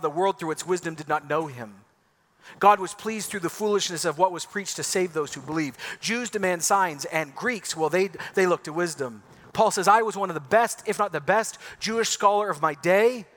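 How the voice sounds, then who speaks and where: A man with a high voice preaches an Easter sermon. He grew up in Ecuador and speaks in an emphatic, rhetorical style. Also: a bit bright. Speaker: pastor.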